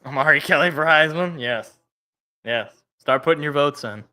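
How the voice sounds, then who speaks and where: A man doing casual live play-by-play football commentary, reacting as he goes and moving between excited calls and muttered asides. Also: fairly high pitch, normal speed.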